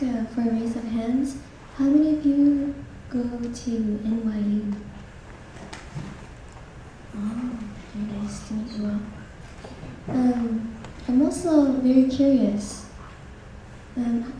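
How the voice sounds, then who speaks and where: A woman gives a gentle talk to an audience, slow and pausing often. Her voice is very dark and mellow. She sounds a little far from the mic in a very echoey hall. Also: fairly high pitch, slight background noise. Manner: gentle, unhurried, frequent "um"s. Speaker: speaker at a talk. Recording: roomy hall, speaker off-mic.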